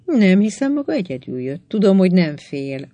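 A bold, scheming Indian queen, as a woman reader puts her on in an audiobook, frank and passionate. She speaks higher and louder than the narration, with a lively sweep. Her voice stays lowish in its base. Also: no echo. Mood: teasing. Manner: passionate, teasing, then pleading. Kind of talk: audiobook reading.

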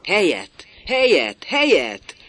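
A man's voice: mid-range voice, sing-song, voice pushed up. A man reading as a proud, bitter master builder. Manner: forceful, exclaiming, bitter. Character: proud bitter middle-aged male master builder, stubborn. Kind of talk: play reading.

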